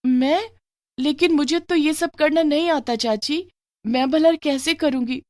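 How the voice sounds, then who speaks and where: A woman's voice: sits high, unhurried, darkish tone, no echo, studio quality, pitched above the performer's own voice. A woman voicing a whiny, quarrelsome teenage girl in a cartoon story, pleading tearfully.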